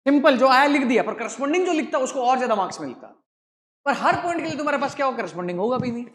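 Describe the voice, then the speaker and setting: A man lecturing in a large classroom keeps throwing rhetorical questions at the students, his words echoing with long reverb. He speaks very fast and expressively, in a very high-pitched, slightly bright voice.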